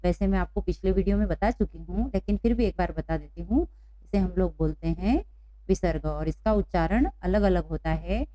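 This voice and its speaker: A woman's voice: fairly low pitch, moderate pace, mellow, no echo. A woman teaching a lesson to children, patiently asking questions and repeating the answers. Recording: dull, dry lo-fi recording.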